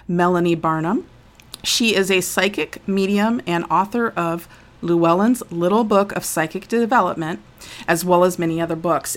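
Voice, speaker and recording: A woman hosting a radio interview, introducing and questioning a guest. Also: lowish voice. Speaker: radio show host.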